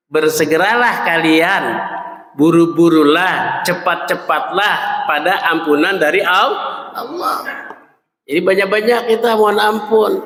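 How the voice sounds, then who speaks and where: A man's voice: high-pitched, bright, forceful tone. A man preaching a morning sermon, asking the congregation questions and slipping in jokes. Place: mosque. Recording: echoey mosque hall.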